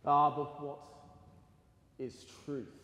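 A man's voice: fairly high pitch, fairly even intonation, drawn-out words, muffled recording. A man playing Pontius Pilate, a mocking, exasperated Roman governor, declaiming theatrically in a dramatic Passion reading. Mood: mocking, questioning. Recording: echoey reverberant hall.

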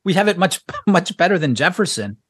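A man's voice: high-pitched, sing-song, brisk, breathy edge, no room sound. An American man speaking as a guest journalist in a casual interview, often restarting his words and laughing. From United States. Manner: stammering restarts, frequent laughs.

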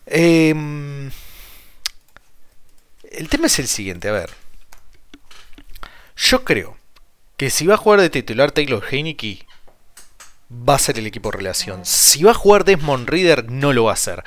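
A man's voice: mid-range voice, big pitch swings, unhurried, pauses often, no echo. A man with an Argentine Spanish accent casually hosts a solo sports podcast, rambling and repeating himself, his mouth sore from a split lip and cut tongue. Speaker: podcast host.

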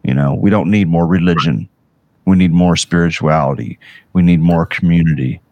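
A man asking questions as an interviewer in a casual, reflective way, haltingly searching for his words. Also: low voice, darkish tone, no echo, muffled recording.

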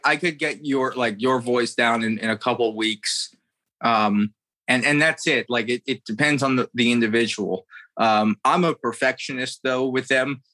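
In interview storytelling, this impressionist guest, a US man in his thirties, rambles earnestly and repeats himself. He speaks in a mid-range voice that is bright and forceful.

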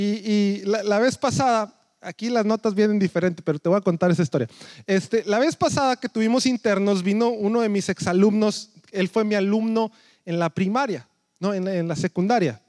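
In a clean studio recording without echo, a man with a high voice preaches as a pastor. His sermon unfolds as conversational storytelling that keeps checking in with the audience.

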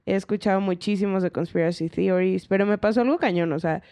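Young Mexican woman, casual podcast co-host, mellow lowish tone, lively storyteller who acts out the voices of people in her anecdotes. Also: quick pace.

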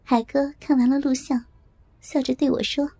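A woman narrating a first-person audiobook story in a smooth, confiding way. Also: high-pitched, flat delivery, moderate pace, warm tone.

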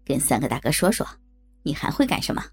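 A woman doing a low, coaxing middle-aged boss. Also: very animated, quick pace, darkish tone, husky, soft background music, heavily acted. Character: smooth-talking middle-aged male boss.

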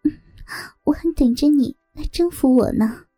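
Woman playing a soft-spoken young wife. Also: sits high, moderate pace, no echo, studio quality, faint music behind, lightly acted. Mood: gentle. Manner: soft, sighing and breathy. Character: young wife, gentle and yearning.

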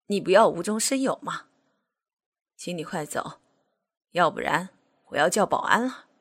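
A woman's voice: on the low side, lively intonation, measured pace, husky, full character voice. A woman voicing a cold, dismissive middle-aged male official who answers curtly in an audiobook scene. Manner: aloof, sneering, curt. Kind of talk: audiobook character voice.

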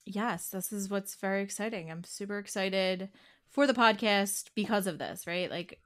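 A woman from the Philadelphia suburbs with a Delco accent, chatting casually and candidly as a podcast co-host. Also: mid-range voice. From suburbs of Philadelphia, United States.

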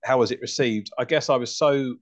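A man's voice: mid-range voice, fairly quick. A man in his forties with an English home counties accent, answering interview questions conversationally and often rephrasing as he goes. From southern England (north London and Hertfordshire). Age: 40s. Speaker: podcast guest, butcher and farm shop founder.

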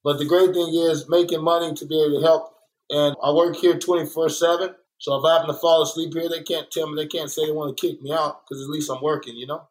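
Man, artist guest from LA; candid storyteller in a casual interview, fairly high voice. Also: rough recording. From Los Angeles. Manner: candid, storytelling, animated when quoting others. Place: art workspace.

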